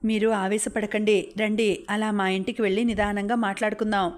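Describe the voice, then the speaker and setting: A woman voicing a young man who reasons calmly and soothingly. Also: medium pitch, moderate pace, natural voice.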